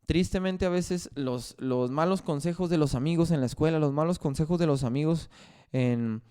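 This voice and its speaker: A man's voice: fairly high pitch, normal speed, dark tone, clean tone. A man preaching a sermon as pastor, often repeating phrases and scripture references.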